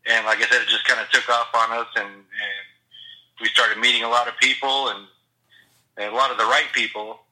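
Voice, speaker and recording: A man's voice: mid-range voice, fairly even intonation, fairly quick, sharp tone. A man calling in by phone on speaker as a guest, chatting casually and rambling with restarts. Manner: laid-back, rambling with restarts and fillers. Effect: heard through a phone on speaker. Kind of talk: casual chat. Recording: phone call played into the room.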